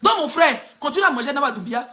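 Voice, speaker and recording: An Ivorian woman with a high, animated voice and a sharp edge speaks quickly. As an online gossip blogger doing live commentary, she uses her Ivorian French accent to mock emphatically, speaking right to her target.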